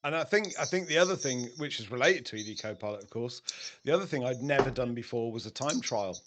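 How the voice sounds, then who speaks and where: A man's voice: medium pitch, expressive, quick pace, slight background noise. A man on a gaming podcast, friendly and enthusiastic, praising others in the community. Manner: friendly, enthusiastic, gives shout-outs. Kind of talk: casual gaming chat.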